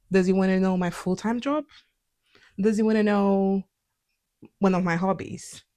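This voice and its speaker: This young woman's mid-range voice has a darkish tone and a Portuguese accent, as Portuguese is her first language. She hosts a personal vlog, chatting candidly and reflectively.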